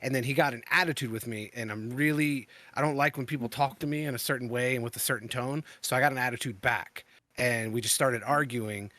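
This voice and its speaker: A man's voice: medium pitch, a little fast, sharp tone, no echo. A man on a podcast, rambling through an irritated story from his retail job in a casual chat. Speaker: podcast guest. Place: retail worker.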